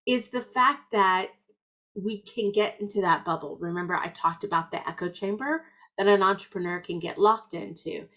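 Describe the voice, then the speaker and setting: A middle-aged woman business coach giving an earnest, encouraging motivational talk, with warm asides. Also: medium pitch.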